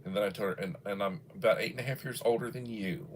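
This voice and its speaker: A man in his early sixties, a livestream host, chats casually in a rambling, folksy way while reading viewer comments aloud. His voice sits on the low side and moves at a quick pace. The recording quality is poor.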